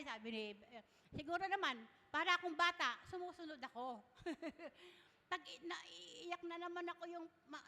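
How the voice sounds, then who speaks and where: In church, a woman gives an emotional personal testimony, halting and tearful, with soft laughter between lines. Her voice is high and the sound carries the feel of a big room.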